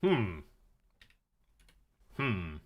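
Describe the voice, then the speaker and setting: A man in his forties with a fairly low voice, running a casual live-coding stream. He mutters through his debugging, reads out chat, and slips in dad jokes as he works. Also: very animated, very slow, muffled recording. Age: 40s. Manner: thinks aloud while debugging, drops dad jokes.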